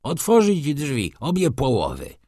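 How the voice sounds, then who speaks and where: A man's voice: medium pitch, huge pitch swings, unhurried, dark tone, husky, no room sound, pitched above the performer's own voice, exaggerated voice. A haughty manservant who orders people about with smug self-importance, as a man reading the tale puts him on. His voice sits somewhat raised and swings expressively. The sound is close and dry. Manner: commanding, condescending. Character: pompous self-important male valet, bossy and smug.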